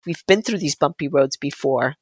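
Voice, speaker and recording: A woman's voice: sits low, moderate pace, breathy edge, no room sound. A woman speaking as an interview guest, explaining advice conversationally in a plain-spoken, emphatic way. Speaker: financial advisor, interview guest.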